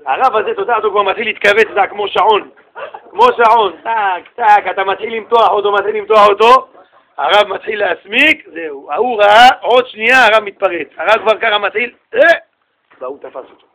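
A man giving a religious sermon in a casual slangy way, animated and acting out the people in his stories. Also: sits high. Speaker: religious lecturer. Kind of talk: Torah sermon told in street slang.

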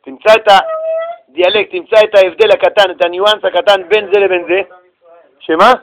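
A man teaching a religious text class, firing rhetorical questions at his students and answering them himself in quick, animated bursts. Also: high-pitched. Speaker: rabbi teaching a Torah class. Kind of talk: lively lecture with rhetorical questions.

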